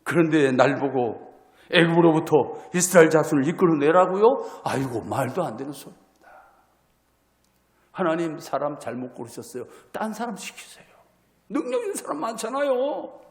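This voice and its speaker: A man's voice: fairly high pitch, sing-song, normal speed, pitched below the performer's own voice. A man preaching, voicing Moses as a reluctant older man who protests in exasperation. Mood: protesting. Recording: echoey hall with long reverb.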